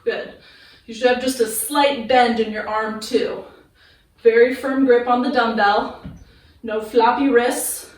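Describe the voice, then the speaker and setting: A woman's voice: on the high side, fairly even intonation, takes it slowly. A woman leading a workout class in fitness influencer style, giving instructional, encouraging cues and counts. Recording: echoey room, distant microphone.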